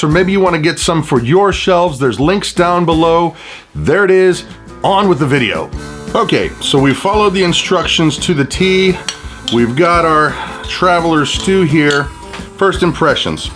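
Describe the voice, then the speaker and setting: A man's voice: high voice, fairly bright tone. A man giving a casual food review, talking in a folksy, jokey way with playful asides. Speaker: product reviewer.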